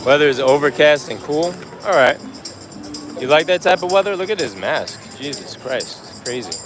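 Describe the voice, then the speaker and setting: A man live-streaming as he walks a busy city street, rambling in a relaxed way and greeting chat viewers by name. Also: on the high side, normal speed, music in the background. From United States. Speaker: livestream vlogger. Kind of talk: casual live-stream chat while walking. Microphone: handheld phone on a gimbal.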